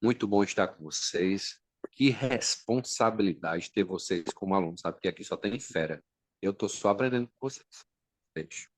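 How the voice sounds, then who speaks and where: A man's voice: fairly low pitch, normal speed, dry recording. A man giving emotional, faith-based encouragement to a class. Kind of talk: motivational talk.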